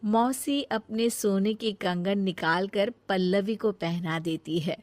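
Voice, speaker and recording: A woman's voice: medium pitch, slow pace, darkish tone, no room sound. A woman reading scripted narration for a cartoon moral story.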